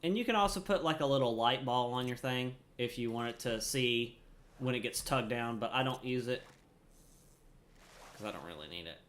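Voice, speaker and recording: Here a streamer talks through his gameplay in a relaxed, informal way, thinking out loud as he goes. His medium-pitched voice is expressive and fairly bright, moving at a moderate pace.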